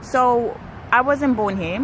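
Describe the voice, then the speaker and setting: A young woman from Kenya telling a personal story to her viewers in a chatty, animated way, outdoors while waiting for a ride. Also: a little high, takes it slowly. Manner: chatty, animated, self-correcting. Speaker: vlogger. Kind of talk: casual storytelling to camera. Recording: street traffic noise behind.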